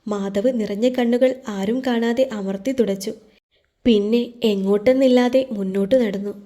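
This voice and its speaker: A woman storyteller giving a steady, emotive scripted narration of a romance novel. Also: a little high.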